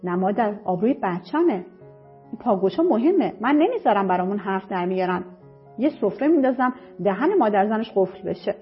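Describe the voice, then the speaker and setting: A woman voicing a bossy, quick-tempered middle-aged mother who scolds and gives orders. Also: medium pitch, animated, breathy edge, soft background music. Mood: fussy. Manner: scolding, commanding. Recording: muffled lo-fi recording.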